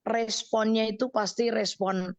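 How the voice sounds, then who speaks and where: Lively Javanese-accented woman telling a testimony. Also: fairly high pitch, a little slow, no room sound. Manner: animated storytelling, acts out her own quoted words. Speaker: evangelist counselor. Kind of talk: radio counseling testimony. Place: radio studio.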